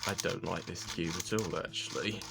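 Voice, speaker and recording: Gravelly low-voiced man rambling. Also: steady tone, moderate pace. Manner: rambling, self-correcting, thinking aloud. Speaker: cube reviewer. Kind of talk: casual unboxing review. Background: background music.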